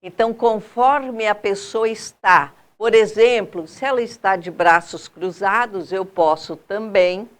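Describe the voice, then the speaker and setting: Uma mulher convidada de um programa de TV, respondendo a uma pergunta com explicações calmas e didáticas, enumerando dicas. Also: female voice, mid-range voice. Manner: slow, explanatory, lists tips with pauses. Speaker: guest expert on neuro-linguistic programming. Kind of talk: TV health show answer.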